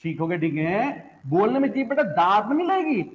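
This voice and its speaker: Male teacher, young adult, high lively voice, asks and answers his own questions, classroom reverb. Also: brisk, muffled recording. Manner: asks students questions and answers them, repeats syllables. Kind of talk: classroom lecture on Hindi phonetics. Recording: echoey classroom.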